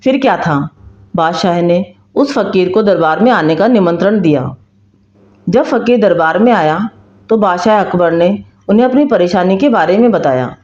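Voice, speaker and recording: A woman storyteller giving scripted storybook narration in a steady, measured way. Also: fairly low pitch. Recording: roomy, slightly dull recording.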